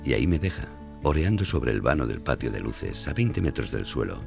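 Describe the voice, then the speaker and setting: A man voicing a brooding male shirt hung out to dry, telling its tale slowly and ominously. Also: a bass voice, very animated, vocal fry, music in the background, voice pushed down, exaggerated voice. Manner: slow, ominous storytelling. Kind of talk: dramatized story reading.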